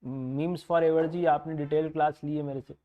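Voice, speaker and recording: A man with an Indian accent teaching a live online law revision class. He mixes Hindi and English, slowly dictates legal wording and answers student comments as they come in. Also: on the high side, fairly even intonation, phone-quality sound. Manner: reads student comments aloud and answers them.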